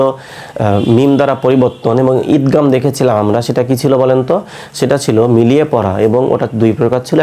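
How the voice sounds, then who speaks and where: Man teaching tajweed, mellow voice. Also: medium pitch. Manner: asks the class questions and answers them himself; spells out letters slowly and clearly. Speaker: Quran recitation teacher. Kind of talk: online tajweed lesson.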